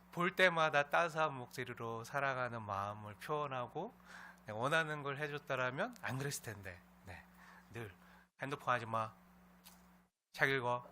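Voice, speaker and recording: A man's voice: medium pitch, a little hiss or hum. A man preaching as pastor to his congregation, telling a story and leaning on a habitual "ne" between phrases. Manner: warm storytelling with frequent "ne" fillers and scolding imitations. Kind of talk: sermon. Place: church sanctuary with congregation.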